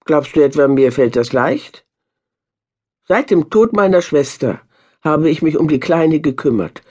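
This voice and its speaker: A woman voicing a hurried, defensive young woman in a storybook reading, firm and brisk. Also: deep voice, expressive, warm tone, husky, exaggerated voice.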